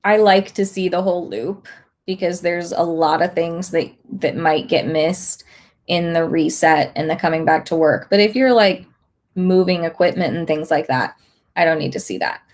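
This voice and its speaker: A woman instructor casually chatting on a livestream, a bit hoarse as she loses her voice, thinking aloud with lots of fillers. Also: on the low side, moderate pace, a little mellow. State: slightly hoarse, losing her voice. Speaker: online instructor.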